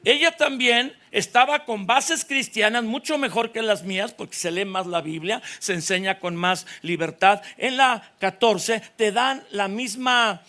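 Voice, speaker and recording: A Mexican man in his sixties, a pastor giving a lively, joking sermon at a church conference, full of stories. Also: high voice, unhurried, hardly any pauses. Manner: animated, storytelling, jokes with the audience.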